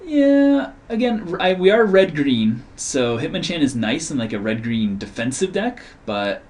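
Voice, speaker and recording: A man's voice: medium pitch, sing-song, moderate pace. A man co-hosting a casual card game video, explaining card rules at length and thinking aloud about his picks. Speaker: co-host drafting cards.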